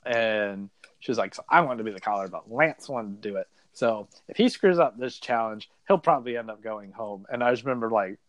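Speaking with a lowish, lively voice, a young man who competed on a reality game show rattles off a story on a podcast, fairly quickly and with hardly any pauses. He's chatty, full of "like," and acts out quotes. The recording is low quality but has no echo.

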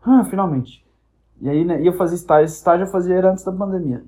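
Twenties male podcast host from Brazil, slightly high voice, animated comic storyteller, crude and profane, acts out quoted voices. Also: quick pace. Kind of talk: casual comic monologue.

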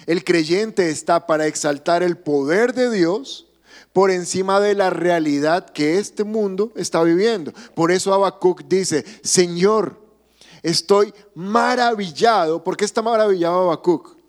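A man's voice: high voice, moderate pace. A man, a pastor preaching a sermon at a church service, emphatic and asking the congregation questions.

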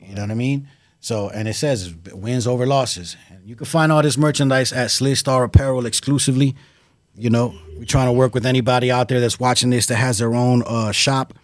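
Male rapper doing a casual promo. Slangy, catchphrase-heavy, mid pitch, dry sound. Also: brisk, no echo. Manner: slangy, repeats catchphrases and words for emphasis. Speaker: rapper promoting merchandise and music.

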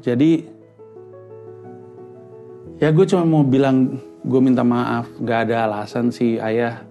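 A man, a father, making a quiet, reflective personal confession and mixing in English phrases. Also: medium pitch, steady tone, slow, soft background music. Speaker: podcast guest, father.

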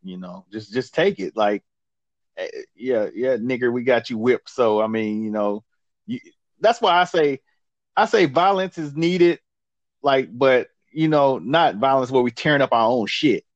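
A man's voice: medium pitch, a little slow, no room sound. A man in a heated casual discussion, talking in an angry, emphatic and profane way, repeating himself. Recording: dull muffled lo-fi sound.

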